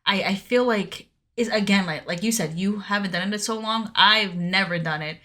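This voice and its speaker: A woman's voice: medium pitch, moderate pace, sharp tone. A young woman co-hosting a podcast, chatting in a friendly way and reading out contact details. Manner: friendly, chatty, reads listener email info. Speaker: podcast co-host. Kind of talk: casual chat.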